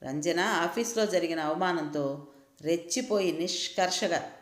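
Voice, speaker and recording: A woman narrating a story in a steady, even reading voice. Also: lowish voice, measured pace. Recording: roomy echo.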